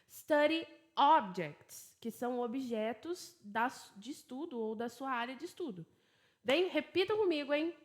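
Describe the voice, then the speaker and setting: Brazilian woman teaching English, American-leaning accent. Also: a little high. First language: Portuguese. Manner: drills words slowly, then explains in quick chatty Portuguese; laughs at her own slips. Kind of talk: online English lesson for Portuguese speakers. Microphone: laptop.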